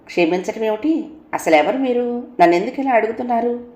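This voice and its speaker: A woman's voice: a little high, expressive, brisk, a little mellow, echoey room, pitched above the performer's own voice, natural voice. A woman voicing a proud young wife who answers her husband in a cutting, stern way.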